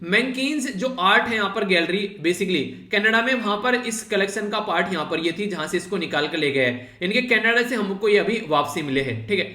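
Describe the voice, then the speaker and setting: A man's voice: high voice, animated, a little fast, few pauses, bright, forceful tone, roomy sound. A man teaching a current affairs lecture for exam students in a conversational way, often repeating filler words and addressing the students directly.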